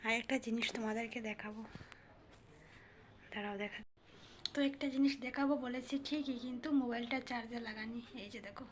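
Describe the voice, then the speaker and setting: Young woman home vlogger, hushed night-time chat to camera, slightly high and monotone. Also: a little fast, long pauses, a little hiss or hum. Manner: talks softly and hushed because her child is asleep. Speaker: housewife and family vlogger. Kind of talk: casual vlog talk to viewers. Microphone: phone.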